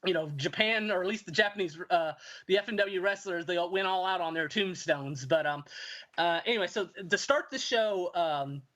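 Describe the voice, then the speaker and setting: A man's voice: sits high, moderate pace, a bit bright. A man hosting a casual talk show, recounting old events in a rambling way full of ums, restarts and fillers. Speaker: wrestling history podcast host. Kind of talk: casual retrospective commentary.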